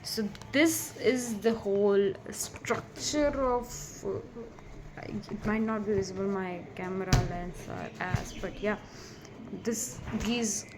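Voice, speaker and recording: A woman in a casual vlog, explaining scriptures with chatty, excitable asides and frequent restarts. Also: medium pitch, slow, background noise.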